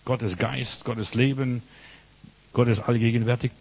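A man preaches a sermon full of storytelling, using emphatic, repeated phrases and loudly voicing the characters in his stories. His medium-pitched voice is creaky, with fairly even intonation and normal speed.

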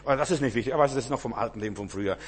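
A man preaching a sermon to his congregation, swinging between loud emphatic cries and low hushed asides, repeating words for emphasis. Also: racing, husky, big-room sound.

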